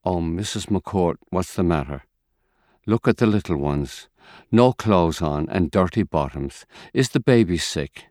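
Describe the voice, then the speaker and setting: A man voicing a kind, motherly middle-aged neighbour woman who speaks gently. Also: low voice, animated, a little slow, dry recording, studio quality. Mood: worried. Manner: soothing, gentle.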